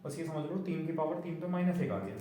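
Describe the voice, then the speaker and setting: A man's voice: fairly high pitch, lively intonation, quick pace, mellow. A man teaching a maths lesson, explaining each step and often asking the class whether they understood. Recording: very echoey room.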